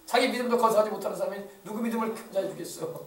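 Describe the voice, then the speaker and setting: A man preaches with a high, quick voice and rousing call-and-response energy. He speaks with a regional Korean accent from the Yeosu area. His voice echoes through a church sanctuary and is picked up from some distance. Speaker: pastor. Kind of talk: sermon.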